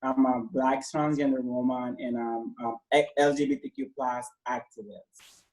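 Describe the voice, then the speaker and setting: A woman's voice: rumbling low, steady tone, unhurried, dark tone, rough recording. A woman with a Honduran accent, an activist guest on a video call, speaking earnestly. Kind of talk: casual video-call discussion.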